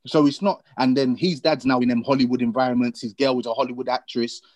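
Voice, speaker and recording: A man's voice: mid-range voice, steady tone, fast, darkish tone, no echo. A man with an urban London accent talking casually in a group, using slang-heavy roadman speech. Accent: London, urban street.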